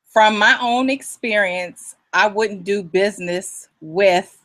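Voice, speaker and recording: A woman's voice: mid-range voice, takes it slowly, a bit bright, no room sound. A woman hosting an interview, speaking with enthusiastic energy. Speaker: interview host. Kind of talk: interview host.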